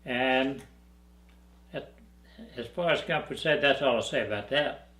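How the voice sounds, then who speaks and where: Against a dark indoor studio backdrop, an elderly interviewee from Arkansas, USA, now in his eighties, looks back on his life. He speaks at an easy pace with dry humor and periodic chuckles, his mid-pitched, fairly bright voice carrying a roomy echo.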